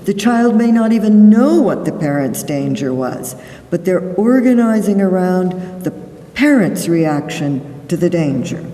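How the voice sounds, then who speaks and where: Slow mellow woman giving a talk, stresses her points, big roomy hall, mic picks her up from a distance. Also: lowish voice, expressive. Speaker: psychologist giving a keynote lecture. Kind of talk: conference lecture. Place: large conference hall. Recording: echoey hall, voice from far off the mic.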